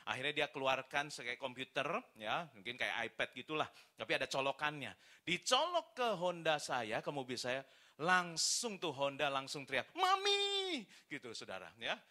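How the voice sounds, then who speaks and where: A man preaching a sermon at a church service, telling stories in a lively way and often turning to the congregation. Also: mid-range voice, moderate pace. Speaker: pastor.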